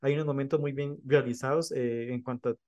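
A man's voice: medium pitch, fairly even intonation, brisk, muffled recording. A man co-hosting a film podcast, chatting casually with fillers and laughter. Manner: chatty, laughs often, many fillers like "este".

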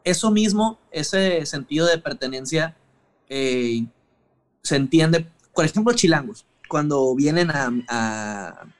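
A man from northern Mexico interviewing a guest in a relaxed, conversational way. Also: fairly high pitch, takes it slowly. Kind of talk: casual interview chat.

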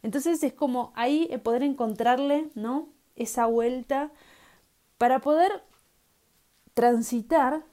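A woman's voice: high voice, takes it slowly, mellow. A woman with a Rioplatense Spanish accent, hosting a reflective solo podcast in a conversational tone, full of fillers and "¿no?" tags. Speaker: podcast host.

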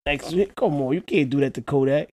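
A man's voice: a little high, brisk, dark tone, no room sound. Slangy hyped man hosting a music show. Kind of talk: casual chat reviewing new songs.

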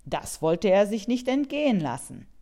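A woman's voice: medium pitch, sing-song, normal speed, dark tone, voice pushed up. A woman reading as a chatty, easygoing fruit seller. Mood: friendly. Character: friendly middle-aged male fruit seller.

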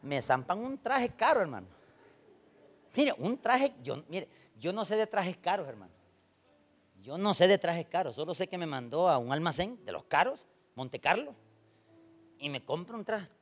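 A man preaching a sermon, telling stories and acting out the people in them, swinging from soft asides to loud points. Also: high voice, normal speed. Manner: animated storytelling, acting out quoted voices, swings from soft to loud. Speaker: pastor.

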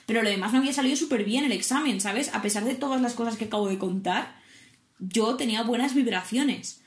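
A young woman with a Spanish accent from Spain, telling a story to her vlog audience in a lively, casual way, acting out quotes and swearing freely. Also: a little high, fast. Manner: animated, swears often, acts out quotes. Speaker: vlogger. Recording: echoey room.

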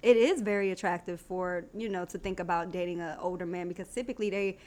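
A woman from the Deep South, chatting candidly and animatedly on a podcast. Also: fast talker. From Deep South, United States. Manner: candid and animated, trails off with asides. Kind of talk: casual chat.

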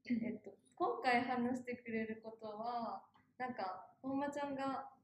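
A woman's voice: a little high, a little slow, reverberant, a little hiss or hum. A woman from Yamagata hosting a casual talk podcast, chuckling often and backing the guest with short replies. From Yamagata, Japan. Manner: friendly, warm interviewer, chuckles and backchannels. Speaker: podcast host.

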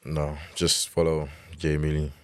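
A man's voice: rumbling low, completely flat delivery, a little slow, clean tone, dry recording, clean studio sound. A young man with a London accent gives opinions in casual, slangy podcast banter. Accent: London, urban slang.

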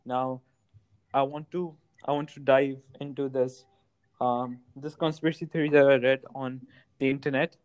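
Smooth-voiced Pakistani man mixing Hindi-Urdu and English. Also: medium pitch, level tone, normal speed, dry recording. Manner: mixes Hindi-Urdu and English mid-sentence. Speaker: podcast host. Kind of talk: casual conversational podcast.

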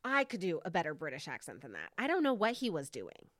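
A woman co-hosting a podcast, chatting casually about a movie, giggly and expressive, saying "like" a lot. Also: fairly low pitch, fast, no echo, studio quality. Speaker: podcast co-host. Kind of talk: casual movie review chat.

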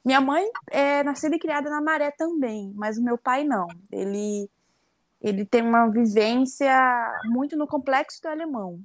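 A woman's voice: high-pitched, moderate pace, no room sound, clean studio sound. A young woman from Rio de Janeiro with a Carioca accent, chatting reflectively as an interview guest. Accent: Carioca Brazilian Portuguese. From Rio de Janeiro, Brazil. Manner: chatty, reflective, frequent tag questions. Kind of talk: casual interview conversation.

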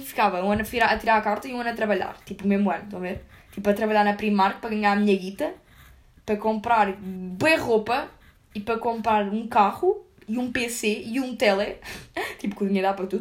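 Fast-talking young Portuguese woman vlogger. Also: a little high, fairly bright tone. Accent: European Portuguese. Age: young adult. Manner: slangy, chatty, full of fillers. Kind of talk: casual storytelling to viewers.

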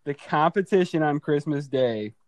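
A man's voice: a little high, animated, normal speed. A man in his thirties hosting a casual chat, who laughs often, swears freely and acts out family scenes. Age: 30s. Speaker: podcast host.

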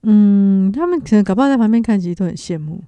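A woman's voice: mid-range voice, lively intonation, fast talker, mellow, clear, resonant tone, no echo. A woman co-hosting a podcast, telling stories in a playful, mock-innocent way. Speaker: podcast co-host. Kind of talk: casual storytelling chat.

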